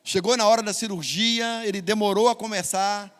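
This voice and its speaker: A man's voice: high-pitched, fairly even intonation, normal speed, fairly bright tone. A man with a Brazilian accent preaching a sermon, telling a story dramatically and emphatically in a church. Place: church sanctuary. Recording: long church hall reverb.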